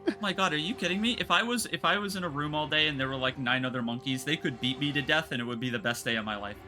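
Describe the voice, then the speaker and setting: A man streaming a video game, reacting excitedly, swearing and reading the text aloud. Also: a little high, fast talker, over music. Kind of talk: casual game stream commentary.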